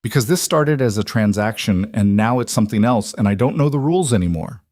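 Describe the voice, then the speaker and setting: A man's voice: on the low side, expressive, a little fast, darkish tone, no echo, clean studio sound, close to an everyday voice. A man voicing a guarded young businesswoman, pleading and unsteady, in a storybook narration. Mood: hushed.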